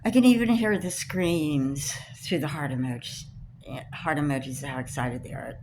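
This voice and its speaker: A woman's voice: low voice, moderate pace, darkish tone, a little hiss or hum, rough recording. A woman, older, ranting to camera in an indignant, emphatic way about being let down. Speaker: vlogger. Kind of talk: personal rant to camera.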